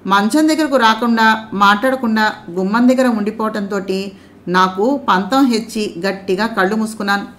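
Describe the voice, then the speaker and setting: A woman narrating an audio story in a calm, measured reading voice. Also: mid-range voice.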